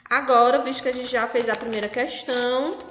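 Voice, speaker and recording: Brazilian teacher lady, slow and patient with the kids, bit high voice, echoey room. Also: steady tone, noisy background. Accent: Brazilian Portuguese. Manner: patient, spells out syllables, asks checking questions. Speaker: primary school teacher. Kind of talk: slow remote lesson for children. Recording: echoey room with long reverb.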